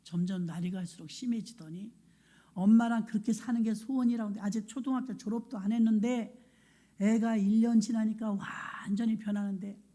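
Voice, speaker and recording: Mellow-voiced woman pastor telling a story. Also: medium pitch, fairly even intonation, fairly quick. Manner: storytelling, acting out the people in the story. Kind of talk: sermon.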